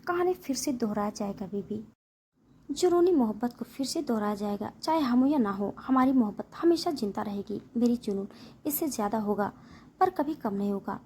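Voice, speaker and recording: A woman's voice: fairly high pitch, animated, moderate pace, a little mellow, slight background noise. A woman voicing a brooding young husband who speaks solemnly and intensely to his wife. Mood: passionate.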